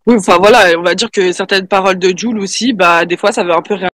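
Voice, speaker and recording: A young man in a casual group chat, speaking haltingly with many fillers. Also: sits high, steady tone, fairly bright tone.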